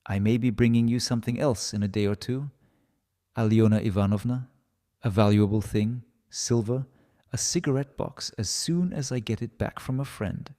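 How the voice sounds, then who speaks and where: A man's voice: mid-range voice, normal speed, mellow, natural voice. A man with a Russian accent voicing an agitated, self-loathing, brooding man in an audiobook, in exclamatory, hesitant self-talk. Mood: uneasy, feigned casual.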